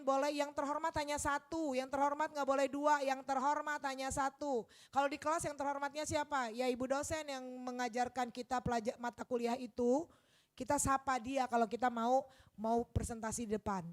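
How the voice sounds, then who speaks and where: A woman lecturing a university auditorium on public speaking, demonstrating voices and shifting loudness for emphasis into a handheld mic. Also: high voice. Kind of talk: lively classroom lecture. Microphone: handheld microphone.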